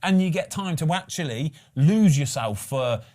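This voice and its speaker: A man's voice: a little high, normal speed. Emphatic man hosting football chat. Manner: animated, emphatic, casual. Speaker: host.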